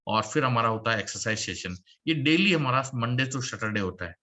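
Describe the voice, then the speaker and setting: A man presenting a work-from-home opportunity meeting, speaking in an upbeat salesman's pitch with emphatic repetition and calling for applause. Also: expressive, brisk, pushed and bright.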